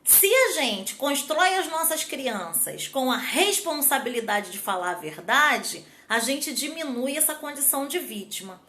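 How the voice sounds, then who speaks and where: A woman's voice: sits high, sing-song, unhurried, hardly any pauses, sharp tone, reverberant. A woman therapist giving a casual talk to an audience, chatty and often turning to them directly. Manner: chatty, addresses audience as gente, acts out quotes.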